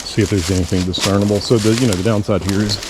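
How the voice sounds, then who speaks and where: A man vlogging as he hikes through rough woods, thinking aloud in a relaxed way and a little out of breath. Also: lowish voice, fast, heavy background noise. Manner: relaxed, musing, talks to himself. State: slightly out of breath. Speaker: travel vlogger. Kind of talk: casual thinking aloud while hiking. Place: outdoors in rough wooded hills. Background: background music.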